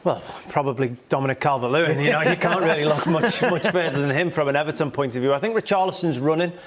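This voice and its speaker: A man giving measured, conversational football match analysis as a studio pundit. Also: on the high side.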